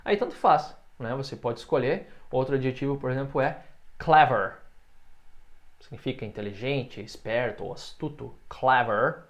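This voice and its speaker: Man, Brazilian accent, English teacher, online lesson, slow model phrases for repeating. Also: medium pitch. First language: Portuguese.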